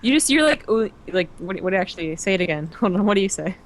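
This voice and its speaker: A woman's voice: on the low side, big pitch swings, fast. A woman co-casting an esports match, playful and teasing in casual banter. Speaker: esports co-commentator.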